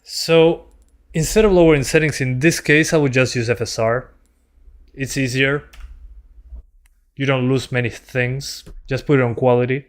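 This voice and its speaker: A man's voice: mid-range voice, steady tone, normal speed, long pauses. A man doing casual gameplay commentary as a streamer, chatting with his viewers as he plays. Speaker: game streamer.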